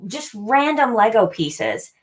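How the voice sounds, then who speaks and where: A woman chatting casually over a video call, giggly and halting, often searching for her words. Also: a little high, very animated. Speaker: co-host. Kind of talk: casual chat.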